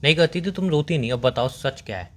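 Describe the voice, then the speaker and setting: A man's voice: on the high side, lively intonation, fast. A young man making a prank phone call to his girlfriend, accusing her in a teasing, mock-serious way.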